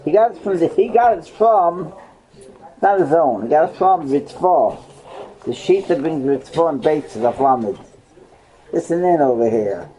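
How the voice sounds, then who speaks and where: A religious teacher leads a Torah study lesson in a fairly high, animated, mellow voice, taking his time. He poses and answers his own questions, repeats phrases, and checks in with "right?" The recording is rough.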